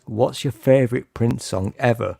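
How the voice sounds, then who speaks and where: A man's voice: medium pitch, normal speed, gravelly, dark tone, no echo. A man co-hosting a podcast in casual comedy chat, full of crude teasing jokes. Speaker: podcast co-host.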